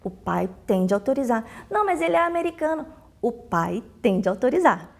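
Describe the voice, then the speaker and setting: High-leaning and gravelly, this woman's voice moves fairly quickly with big swings in pitch. She's a consular official with a Brazilian Portuguese accent, emphatically spelling out rules in an informal interview, repeating what matters and voicing the dialogue in her acted-out stories.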